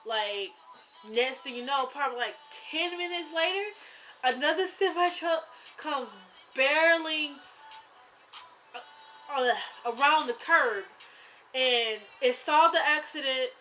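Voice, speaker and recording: Young woman, YouTuber, casual storytelling, lots of "like", bright tone, slightly high voice. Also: slow pace, long pauses, soft background music, poor audio. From rural US South. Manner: rambling, animated storytelling with many fillers.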